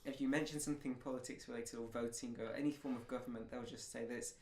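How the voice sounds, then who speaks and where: A man's voice: mid-range voice, steady tone, quick pace, a little mellow, roomy sound, a little hiss or hum. A man co-hosting a casual podcast chat, laying out his opinions with emphasis. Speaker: podcast co-host.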